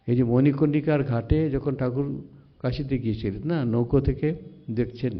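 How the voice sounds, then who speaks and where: A monk giving a devotional sermon, reciting verses slowly and retelling sacred stories in a measured way. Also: male voice, medium pitch. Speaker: monk giving a spiritual discourse. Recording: slightly dull lo-fi recording.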